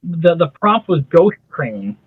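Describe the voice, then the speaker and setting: A man's voice: a little high, sing-song, takes it slowly, phone-quality sound. A man, an artist, casually talks through the panels of his own comic strip in a storytelling way, often repeating words as he goes. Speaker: artist presenting his drawings.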